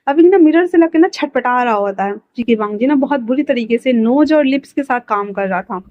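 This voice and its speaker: A woman's voice: on the high side, lively intonation, fairly quick, no room sound. A woman narrating a fan story casually, chatty, with fillers and self-corrections, on a dull lo-fi recording.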